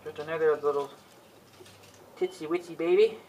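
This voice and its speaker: This video host shows an antenna assembly in a loose, hands-on way, mumbling to himself folksily, cussing mildly in exasperation and clearing his throat often. His slightly high voice is mellow and moves at a moderate pace. Clicks and obvious noise mark the homemade recording.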